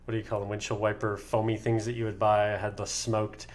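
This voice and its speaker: A man talking as a podcast guest, telling lively stories and laughing often in a casual chat. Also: fairly low pitch, fast. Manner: animated storyteller, laughs often.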